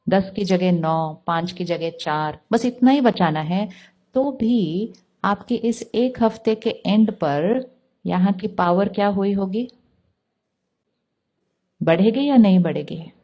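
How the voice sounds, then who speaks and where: A woman speaks in a calm, unhurried way as she gives a spiritual talk. Her voice is mellow and warm and sits in an ordinary middle pitch. She keeps turning to her listeners with questions. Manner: calm, asks the audience rhetorical questions. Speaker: spiritual teacher.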